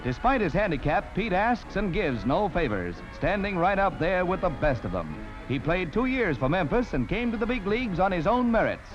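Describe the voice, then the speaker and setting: Over a music score on a dull, lo-fi old film soundtrack, a man declaims a 1940s newsreel with emphatic announcer flair. His voice is high and very animated, delivered at normal speed with few pauses.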